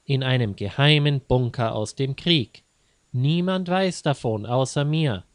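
A paranoid, secretive woman of a storybook, as a male reader puts her on, insisting in a slow, deliberate, conspiratorial way that spies are everywhere. The voice is close and dry, with no room sound at all. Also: mid-range voice, animated, no room sound, close to an everyday voice. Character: paranoid secretive woman distrusting spy agencies.

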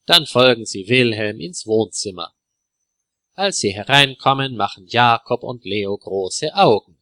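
A man narrating a simple story in a clear, deliberate way for language learners. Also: mid-range voice, lively intonation, sharp tone, dry recording.

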